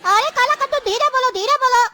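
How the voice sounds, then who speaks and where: A woman's voice: very high voice, fast, sharp tone, no room sound, clean studio sound. A woman, playing a complaining younger brother in a comedy sketch. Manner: whiny, complaining.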